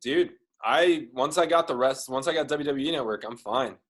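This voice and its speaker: A man's voice: medium pitch, normal speed. A man hosting a podcast over a video call, upbeat and joking, with lots of fillers. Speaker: podcast host. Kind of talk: casual chat.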